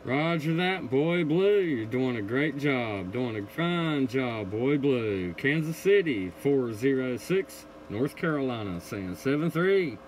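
In an indoor radio room, a man calls out and answers contacts on a CB radio using short radio phrases. His medium-pitched voice has lively intonation and a slow pace with few pauses, recorded in a noisy room full of radio static.

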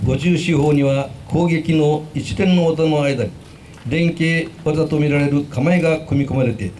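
A man with a fairly high, mellow voice reads formal explanatory narration as an announcer. The recording is outdoors, with some background noise. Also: fairly even intonation, a little slow. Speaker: announcer explaining karate kata. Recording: noisy outdoor event recording.

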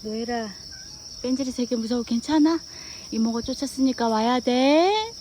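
A pet owner talks to her dogs in a normal-speed, animated voice on the high side, mixing affectionate baby talk with playful scolding and slipping into English now and then. Noisy outdoor ambience fills the recording.

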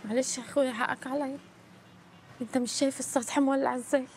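A woman's voice: high-pitched, steady tone, quick pace, a little mellow, slight background noise. A woman with an Egyptian accent playing a worried, pleading young wife in a TV drama. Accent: Egyptian Arabic. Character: anxious devoted young wife.

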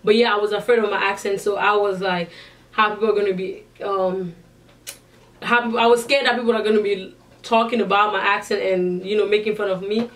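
Speaking briskly and steadily in a mid-range voice, a young woman with a non-native English accent takes viewers' questions in a casual Q&A vlog, often starting over. She sits indoors in front of a sequined backdrop, far from the mic.

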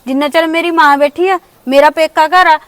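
A woman's voice: sits high, steady tone, brisk, close to an everyday voice. A woman playing a touchy married daughter who is blunt and picks faults when visiting her mother's home. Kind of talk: village family short film acting.

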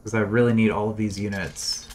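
Low-voiced man thinking aloud over gameplay. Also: flat delivery, brisk, a little mellow, a little hiss or hum. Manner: muttering, thinking aloud, dry sarcasm. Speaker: gameplay commentator. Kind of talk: casual let's-play commentary.

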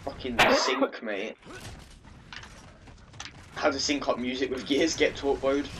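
A man's voice: medium pitch, sing-song, slow pace, a bit bright, a little hiss or hum. A young man chatting and cursing casually while playing a shooter with a friend. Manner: casual, swearing, laughing commentary. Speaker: gamer, channel owner. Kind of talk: profane gaming banter. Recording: voice chat over game sounds.

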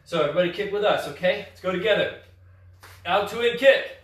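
A man's voice: high voice, lively intonation, fairly quick, a bit bright. A man teaching a martial arts class, calling out commands and counts. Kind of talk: class instruction. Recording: echoey room, mic far off.

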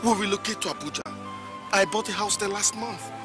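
A man's voice: high voice, a little fast, lightly acted. An actor with a Nigerian accent playing a remorseful husband who begs his wife for forgiveness and stammers. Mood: pleading. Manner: pleading, stammering. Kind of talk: Nollywood film acting. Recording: film soundtrack with loud music.

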